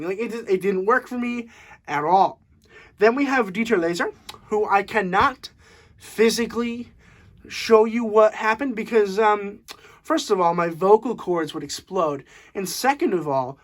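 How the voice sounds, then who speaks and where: Young male reviewer, casual and animated, laughing through his take. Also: sits high. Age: young adult. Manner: animated, laughing, with frequent fillers. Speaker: movie reviewer. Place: room at home.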